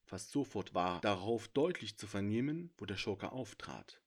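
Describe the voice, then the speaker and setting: A man's voice: lowish voice, animated, normal speed. Man narrating an audio story. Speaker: author and narrator.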